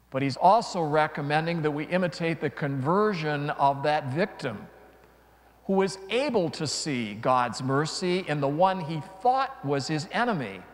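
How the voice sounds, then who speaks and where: In a large church before his congregation, a middle-aged priest preaches with deliberate, very slow delivery and dramatic pauses. His voice is slightly high, and the space wraps it in long reverb.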